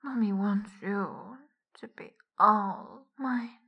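A woman giving a whispered audio roleplay in a soft, teasing whisper as the dominant partner. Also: medium pitch, takes it slowly, breathy edge, lo-fi sound.

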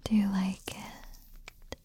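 A woman whispering softly in an intimate, soothing ASMR roleplay as a queen. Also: very slow. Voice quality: soft whisper. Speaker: ASMR performer.

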